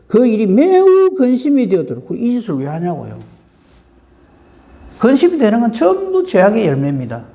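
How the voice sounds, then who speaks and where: Pastor, male; animated, folksy dawn sermon, mellow and warm tone. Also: sits high. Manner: lively, folksy preaching with rhetorical questions.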